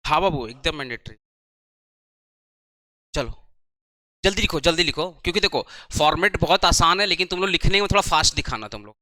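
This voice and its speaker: Male tutor, brisk, repeats terms, dry close sound. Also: fairly high pitch, expressive, bright, forceful tone, no echo. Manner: brisk, urges students to write fast, repeats terms. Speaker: commerce tutor. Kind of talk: classroom lecture. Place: coaching classroom.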